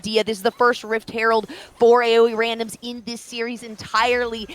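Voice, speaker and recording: Excitable woman esports caster. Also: a little high. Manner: excitable and playful, stretching words for emphasis. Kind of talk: live esports commentary.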